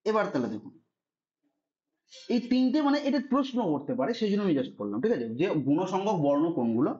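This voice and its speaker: A man's voice: high voice, sing-song, fast, warm tone, dull audio. A man teaching a Sanskrit grammar lesson online, patiently spelling out rules and often checking that students follow. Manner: patient, repeats "ঠিক আছে" to check understanding.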